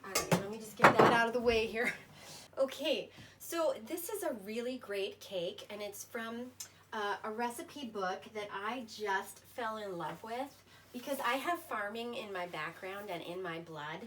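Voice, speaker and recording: A woman's voice: medium pitch, lively intonation, a little slow, a bit bright. A woman hosting a casual home cooking demonstration, chatty and folksy in a playfully self-deprecating way. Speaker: home cooking show host. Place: home kitchen, indoors. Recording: noisy home kitchen recording.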